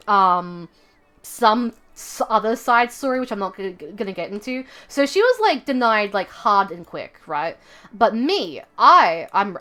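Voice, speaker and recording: A woman's voice: mid-range voice, sharp tone. Rambling woman streamer. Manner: rambling, with many fillers and asides. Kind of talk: casual storytelling while drawing on stream.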